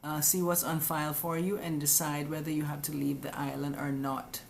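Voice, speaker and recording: A low-pitched woman with vocal fry speaks at a moderate pace and little pitch movement, with a bit of hiss or hum on the webcam or phone audio. Hosting a live stream, she answers comments and explains immigration rules directly and chattily, scolding the viewers she calls guys.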